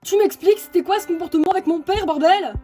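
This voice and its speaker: A woman voicing a hot-tempered young husband who shouts and swears. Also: very high-pitched, fast, soft background music, pitched above the performer's own voice. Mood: furious.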